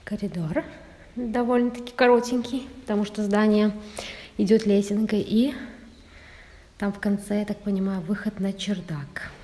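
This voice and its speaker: A woman giving casual walking commentary as she explores an abandoned building, often dropping her voice to a hush. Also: mid-range voice, steady tone, normal speed. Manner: chatty, half-hushed, often drops to a whisper. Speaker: urban explorer vlogger. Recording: echoey empty rooms with music. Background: background music.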